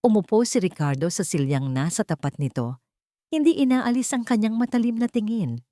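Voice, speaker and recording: An audiobook narrator with a Filipino accent reads a dramatic story in a solemn, expressive way, pausing deliberately. Her medium-pitched voice is recorded with no room sound.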